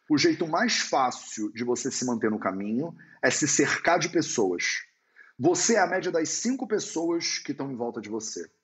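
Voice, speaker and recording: A man hosting a casual live-stream Q&A as an Ayurveda teacher, talking in an animated, slangy, storytelling way. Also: medium pitch. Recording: dull lo-fi sound.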